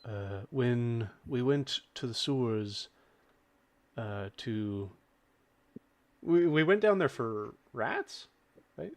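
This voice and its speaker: A man voicing a kind male lizard man who speaks slowly and carefully. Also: mid-range voice, expressive, dry recording. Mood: gentle.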